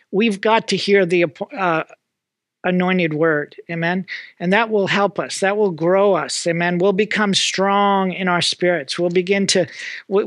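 A middle-aged American pastor preaches to Bible school students in a small indoor room with mantel decor, following nearly every point with "amen?" or "okay?" His voice is high-pitched and fairly bright. The studio sound is clean, with no echo.

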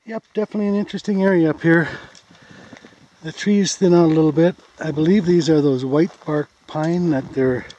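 Man, american accent, casual hiking narration, outdoors, slightly high voice, dull camera audio. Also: steady tone, a little fast, mellow. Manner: easygoing, plain, pointing out sights. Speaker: hiker filming a trail video. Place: outdoors on a forest trail.

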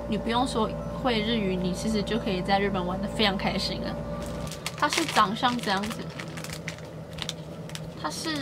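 A young woman, chatting casually and cheerfully as she shows the things she bought. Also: mid-range voice. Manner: chatty and upbeat, often stresses words by doubling them. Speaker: beauty and shopping vlogger. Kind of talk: casual haul vlog chat.

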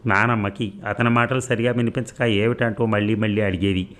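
A man's voice: on the low side, steady tone, a little fast, fairly bright tone. A man reading a serialized novel aloud as narrator, telling the story steadily with small restarts.

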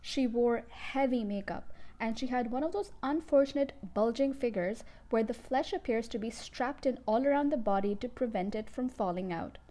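A woman's voice: a little high, normal speed, few pauses, dark tone. Woman reading a children's book aloud. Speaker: storyteller.

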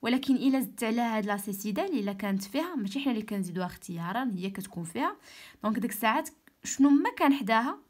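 A woman with a Moroccan Arabic accent giving an online French lesson. She repeats each word slowly and patiently explains how it sounds. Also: a little high, expressive. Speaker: French teacher.

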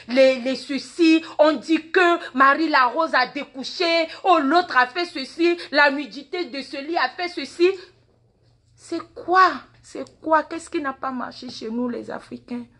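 Her voice is high and sharp as this social media personality, a native Mina speaker in her forties with a Mina accent, delivers a live phone video monologue. Holding the phone at arm's length in a large indoor waiting room, she lectures her followers fervently, circling back to the same words and questions.

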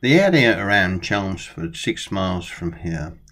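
Sitting in a small room at home, an older book vlogger chats about a book and then reads it aloud with storyteller gusto, filmed on a close-up webcam. His voice is low-pitched and a bit bright, with big pitch swings and an unhurried pace.

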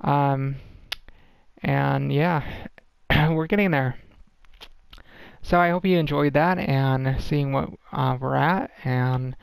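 A man's voice: mid-range voice, fairly even intonation, takes it slowly, creaky, pauses often, clear, resonant tone, no room sound. A tired man giving a casual, rambling game development update, full of ums and restarts. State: tired, worn-out voice.

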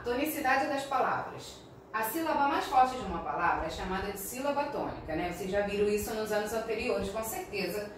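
Brazilian lady teacher going slow n patient, keeps checking the kids follow, sounds far off in a really echoey room. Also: fairly high pitch, slight background noise. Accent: Brazilian Portuguese. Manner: slow, patient, frequent check-ins with the class. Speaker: primary school teacher. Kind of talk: recorded remote class lesson. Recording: echoey room, mic at a distance.

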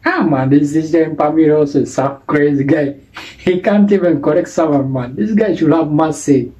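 A man's voice: a little high, moderate pace, warm tone, rough recording. Young man laughing through a reaction. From Uganda. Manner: laughing, slangy, repeats "you know" and "bro". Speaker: reaction video host. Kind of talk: casual reaction commentary. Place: small indoor studio room.

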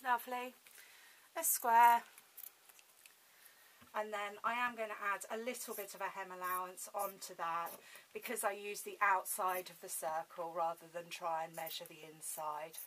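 Bright-voiced woman with toothless, lips-over-teeth speech. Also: medium pitch, flat delivery, moderate pace, rough recording. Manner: informal, thinking aloud as she works. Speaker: sewing tutorial host. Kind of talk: casual hands-on craft demonstration. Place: indoors at a home sewing table. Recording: hissy home recording.

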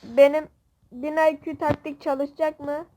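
A woman commentating a video game with a friend, excitable and joking, swearing playfully. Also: high-pitched, unhurried. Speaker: gamer host. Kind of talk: casual gameplay commentary.

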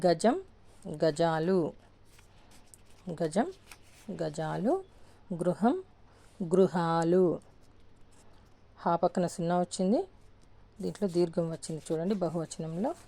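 A woman gives a grammar lesson at a very slow, deliberate pace. Her voice is mellow and a little low, and she says each word pair twice. She asks her own questions and then answers them. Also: animated. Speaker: teacher.

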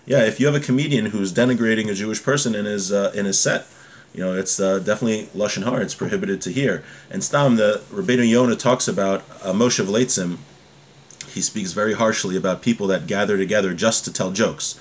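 This religious teacher, around forty and somewhere in his 30s to 40s, speaks a little fast in a lowish voice while he reads Hebrew phrases and unpacks them with ordinary examples in a relaxed lesson. The recording comes from a desk in a small indoor home room. It was captured on a webcam or device microphone at desk distance.

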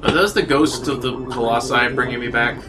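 A man playing a video game, asking quick, curious questions while he plays. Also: mid-range voice, noisy background. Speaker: player. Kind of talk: casual gameplay chatter. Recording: distant mic with loud game music.

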